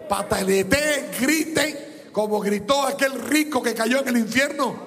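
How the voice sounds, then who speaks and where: A man preaching an impassioned sermon at a church service, often shouting. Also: very high-pitched, slow. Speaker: pastor. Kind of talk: fiery sermon. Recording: long reverb of a church hall.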